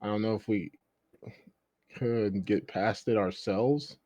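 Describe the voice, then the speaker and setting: A man's voice: lowish voice, steady tone, slow pace, dark tone, no room sound. A man playing a tabletop game over voice chat, practical and a bit hesitant, trailing off mid-thought. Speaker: player. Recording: dull lo-fi voice chat audio.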